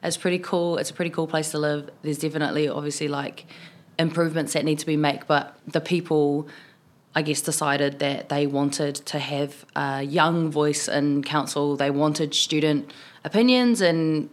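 In a low, fairly even voice at normal speed, a city councillor in her twenties chats casually on a podcast interview. She's from New Zealand with a matching accent and fills her speech with "um" and "like."

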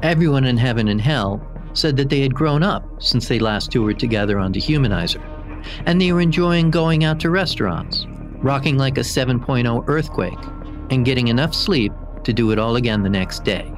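Male narrator, mid-pitched, measured script read, clear music underneath. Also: expressive. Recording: music bed behind the voice.

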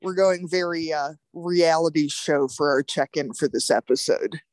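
A woman's voice: low-pitched, moderate pace, a little mellow. A woman co-hosting a podcast, chatting bluntly and offhandedly from outdoors in a farm yard. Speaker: podcast co-host, sheep farmer. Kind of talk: casual chat.

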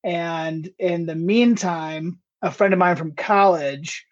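On a podcast with dull, lo-fi sound, a guest stand-up comic from Ohio, in the US Midwest, rambles through a casual chat and laughs easily. His voice is fairly high-pitched, and he takes it slowly.

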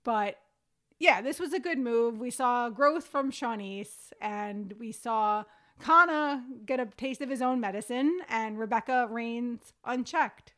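A woman's voice: fairly high pitch, takes it slowly, pushed and bright. A woman co-hosting a podcast in a casual, conversational style. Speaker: podcast co-host.

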